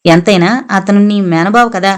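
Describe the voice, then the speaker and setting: A woman's voice: mid-range voice, normal speed, smooth, natural voice. Woman voicing a stern police inspector. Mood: accusing. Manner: blunt, commanding.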